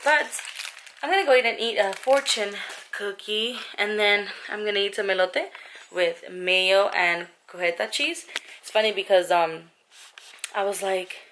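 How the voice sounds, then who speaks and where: A young woman rambles to her camera in a loose, chatty vlog, her talk full of fillers and side remarks. Her voice sits at a middle pitch, and the camera is held close to her. A faint hiss runs under the recording. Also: normal speed, fairly bright tone. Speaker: vlogger. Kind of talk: casual chat. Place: in a car, then at home.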